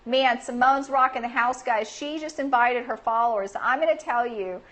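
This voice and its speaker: Casual livestream host, a bubbly middle-aged woman with a slightly high voice who keeps cheering viewers on. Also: normal speed, a bit bright. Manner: bubbly, cheers viewers with frequent squealed yays.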